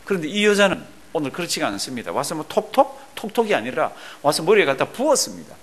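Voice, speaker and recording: A man's voice: fairly high pitch, fast, slightly rough. A man preaching a sermon in Korean to his congregation, asking them questions and leading them in reading aloud together. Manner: animated, asks the congregation questions, leads group readings. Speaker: pastor.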